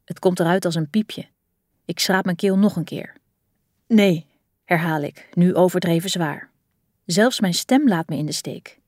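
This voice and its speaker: A woman reading a first-person audiobook in an expressive storytelling manner. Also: fairly low pitch, moderate pace, no room sound, studio quality. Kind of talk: audiobook narration.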